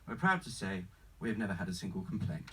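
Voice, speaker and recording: A man acting as an unflappable, courteous travel agent with a faintly sinister sales pitch, in a screenplay table read. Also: sing-song, quick pace, a bit bright, husky, far from the mic, full character voice. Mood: calmly assured. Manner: formal, courteous, salesman-like, calls the customer sir.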